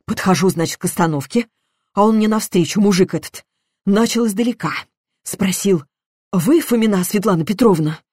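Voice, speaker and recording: A woman's voice: medium pitch, moderate pace, a little mellow, slightly rough, dry recording, clean studio sound, lightly acted. A woman voicing a frightened, tearful older housekeeper who talks in plain folk sayings and sighs a lot. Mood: anxious, chatty.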